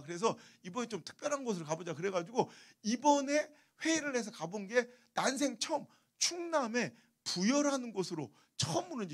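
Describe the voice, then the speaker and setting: Revival preacher, male, high voice, animated storyteller with broad swings of pitch. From Chungcheong, Korea. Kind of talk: revival sermon. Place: church sanctuary.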